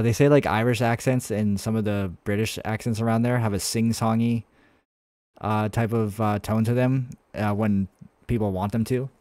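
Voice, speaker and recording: A man's voice: on the low side, a little mellow, no room sound. A man streaming his game development, thinking aloud in a rambling, casual way with many fillers and restarts while answering chat. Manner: answers chat messages between coding steps.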